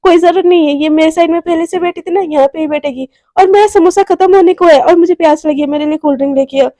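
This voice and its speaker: A woman's voice: very high voice, fast talker, dark tone, dry recording, clean studio sound. A woman voicing a curt, commanding young woman who snaps back with questions. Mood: bossy. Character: bossy, snappish young woman, hungry and jealous.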